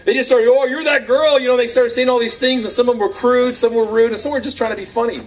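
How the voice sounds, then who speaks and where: Animated high-voiced man preaching to youth. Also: quick pace. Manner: animated, acts out quotes, laughs often. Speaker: youth speaker. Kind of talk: lively youth sermon. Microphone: camcorder from across the room. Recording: distant camcorder sound, faint crowd.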